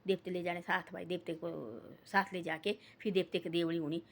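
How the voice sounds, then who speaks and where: A woman's voice: lowish voice, flat delivery, fairly quick. Older woman, rambling village storyteller, repeats herself, scolds in asides.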